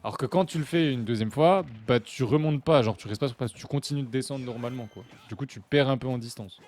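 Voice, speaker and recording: Faint music plays behind a young French stream host as he casually commentates a live fighting-game match, joking with his chat and bursting into sudden excitement. He talks fast in a medium pitch.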